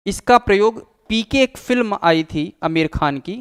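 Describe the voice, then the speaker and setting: A man's voice: high voice, expressive, measured pace, a bit bright, clean tone. A man teaching an exam-prep Hindi grammar lesson, explaining patiently, repeating key terms and acting out example phrases.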